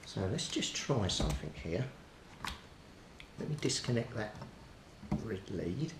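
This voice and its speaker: This hobbyist radio repairer has a fairly low voice with a sing-song lilt and a measured pace. He narrates his progress step by step, thinking aloud methodically without a script. His recording sounds roomy and echoey, with a distinct rumbling noise in the background.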